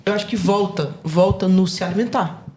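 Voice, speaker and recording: A woman guest on a faith podcast who talks quickly and tells stories with animation, often restarting her sentences. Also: mid-range voice, a loud crowd. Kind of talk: casual faith podcast conversation.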